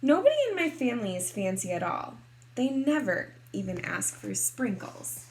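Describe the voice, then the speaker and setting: A woman reading a picture book aloud expressively to kindergarteners, in a deliberate teacherly way. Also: mid-range voice, sing-song, slight background noise. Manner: deliberate, clearly addressed to small children.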